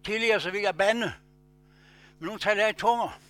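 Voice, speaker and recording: A man preaching a sermon, telling stories with loud emphatic bursts and low quiet asides. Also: soft background music.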